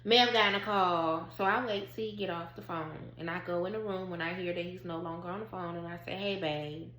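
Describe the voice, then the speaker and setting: A woman telling a personal story to her viewers in a casual, animated and emphatic way. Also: on the low side, fast talker, echoey room, a little hiss or hum. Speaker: vlogger.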